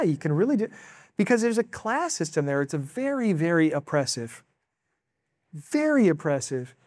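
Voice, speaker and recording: A preacher delivering a sermon in an emphatic way, tossing in short exclaiming asides between points. The voice sits at a middling pitch. The sound is dry and close, with no room echo. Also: darkish tone. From United States. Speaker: pastor.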